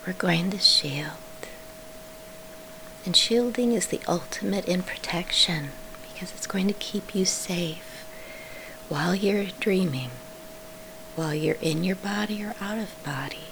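A woman leading a guided sleep meditation in a soft, soothing whisper, pausing between short phrases. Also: lowish voice, creaky, noisy background.

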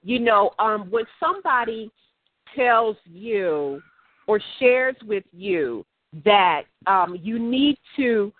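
Woman cohost on a phone speaker, thin tinny line, rambly with lots of ums, mid pitch. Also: expressive, slow pace, no room sound. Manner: rambling, with many ums and restarts. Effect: heard over a phone speaker. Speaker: podcast co-host. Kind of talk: casual podcast chat.

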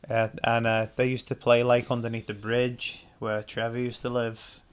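A man's voice: mid-range voice, little pitch movement, normal speed, smooth. A young English man co-hosting a podcast, patiently explaining music trivia in casual album commentary. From England. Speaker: podcast co-host.

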